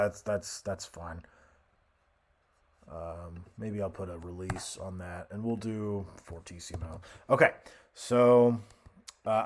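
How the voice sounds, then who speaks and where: A man giving a casual software tutorial as an instructor, hesitant and thinking aloud as he goes. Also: lowish voice.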